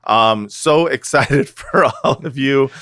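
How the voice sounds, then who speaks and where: A man's voice: medium pitch, slow, a bit bright, smooth, no room sound. A man co-hosting a comedy podcast, rambling and joking with lots of fillers. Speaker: podcast co-host. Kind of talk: casual comedic podcast chat.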